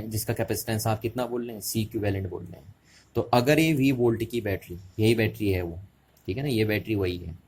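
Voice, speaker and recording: Male physics teacher, lower pitch, patient repetitive board explanation, faint noise in the room. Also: darkish tone. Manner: repetitive, checking questions to students.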